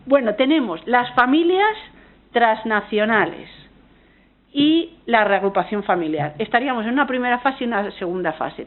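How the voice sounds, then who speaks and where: Earnest Spanish woman lecturing, tinny audio. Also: fairly high pitch. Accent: Spanish from Spain. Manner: earnest, engaged, frequent restarts and self-corrections. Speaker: university lecturer. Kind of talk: academic conference talk.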